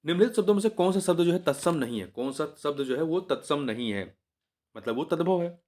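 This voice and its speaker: A man's voice: fairly high pitch, lively intonation, brisk, a little mellow. A male teacher running through an exam revision lesson in a slightly raised voice. He says each answer again and again, coaxing the listener along. He stops to correct himself partway through a sentence.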